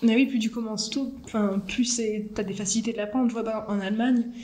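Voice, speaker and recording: A young woman from France talks at a rapid clip on a video call, chatty and scattered with fillers. Her voice sits in the middle of the range and carries a roomy echo around it. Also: on the high side, steady tone, a little mellow. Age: 20s. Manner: chatty, lots of fillers, laughs easily. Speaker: interview guest, student. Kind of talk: casual chat over a video call.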